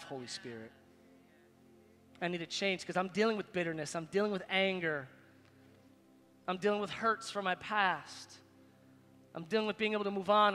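A man in his forties preaching a sermon as pastor, animated, swinging between loud high bursts and quiet low asides. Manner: animated, preaching with big swings in loudness and pitch. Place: large stage in a church hall. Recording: long hall reverb, faint music behind.

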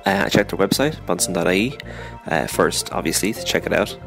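Low gravelly man on a phone dictaphone recording. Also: fairly quick, music in the background. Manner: chatty, self-mocking, deadpan asides. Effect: recorded on a phone dictaphone app. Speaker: podcast host reading a sponsor ad. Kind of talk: casual read sponsor spot. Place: home in Waterford, not the studio. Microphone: phone dictaphone app.

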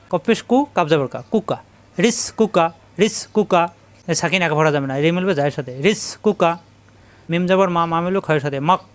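A man with a Bangladeshi Bengali accent teaches Quran reading in a fairly high voice. He spells each word out syllable by syllable, repeating every sound slowly and steadily as a step-by-step drill. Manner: slow, repetitive syllable drilling.

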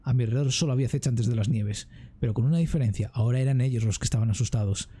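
A man's voice: mid-range voice, very fast, mellow, breathy edge, natural voice. A man reading out a stranded woman survivor's chatty, self-deprecating diary log.

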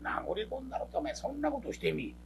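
A sardonic older friend, acted out by a man in a comic storytelling piece, scolds in short, dry jabs. His voice sits low with a gravelly edge and a Kansai accent. He sounds worldly and exasperated. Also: big pitch swings, fast, heavily acted. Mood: scolding.

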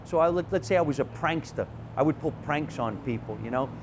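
A man, a comedian telling animated stories from his childhood in a casual interview. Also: a little high, a little fast, noisy background. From Jersey City, New Jersey. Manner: animated, chatty storyteller with frequent restarts. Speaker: comedian, guest.

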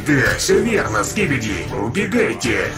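A man plays a giant speaker-headed robot warrior in a cartoon dub, grim, defiant and set on revenge. His pitch swings in a lively way. Loud music runs under every line. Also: a little slow. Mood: vengeful.

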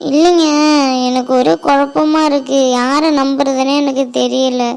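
A woman's voice: high-pitched, little pitch movement, moderate pace, vocal fry, a little mellow. A woman voicing a fretful, suspicious village mother in a cartoon, who scolds and repeats herself when confused. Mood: scolding. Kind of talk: Tamil cartoon voice acting.

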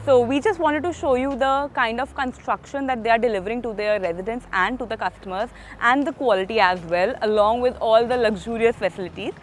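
A woman's voice: fairly high pitch, brisk, few pauses, slight background noise. Upbeat young woman giving a property tour. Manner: upbeat, enthusiastic salesy delivery. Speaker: real estate presenter. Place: outdoors in a residential complex, then a lobby.

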